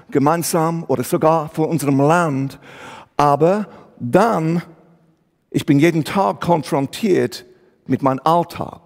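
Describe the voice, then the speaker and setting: This guest preacher, an Englishman with an English accent, preaches in German in a church hall, groping for words and slipping into English at times. His voice sits fairly high and is a little mellow.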